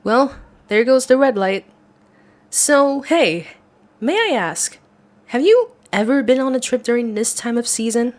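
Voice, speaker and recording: Here a young woman voices the bubbly best friend with a secret crush for an ASMR roleplay, talking in a chatty, expressive way. She sounds excited and playful, her voice leaning high and her delivery a little slow.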